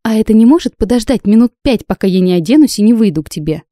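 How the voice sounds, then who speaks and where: A woman's voice: on the high side, lively intonation, fast, mellow, no room sound, clean studio sound, natural voice. Woman playing a stubborn, sarcastic young heroine. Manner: indignant, sarcastic retorts.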